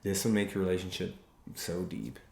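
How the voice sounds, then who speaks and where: With a low, gravelly, darkish voice that's animated, a man hosts a relationships podcast. He talks casually and earnestly, choosing his words slowly and carefully; the recording has echo and faint noise.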